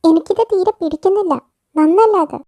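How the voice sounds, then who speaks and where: A woman's voice: very high voice, a little fast, dark tone, no room sound, voice pushed up. A woman voicing a jealous, pouting younger sister in a fan-made audio story. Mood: sulky. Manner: pouting, complaining.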